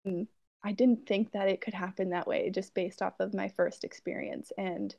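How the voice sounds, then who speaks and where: A young woman with a gravelly, creaky voice talks reflectively through her experience, circling back with fillers and soft laughs. The sound is dry and slightly dull, like a lo-fi call recording. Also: medium pitch, fairly even intonation, normal speed, no echo. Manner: reflective, rambling with fillers and restarts, light laughs. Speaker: guest sharing her birth story. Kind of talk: podcast interview.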